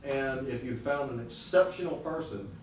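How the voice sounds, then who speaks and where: A man's voice: mid-range voice, normal speed, slight background noise. A man teaching a class on salary negotiation in a blunt, conversational way, often asking the students questions. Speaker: lecturer. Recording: echoey room audio recorded from a distance.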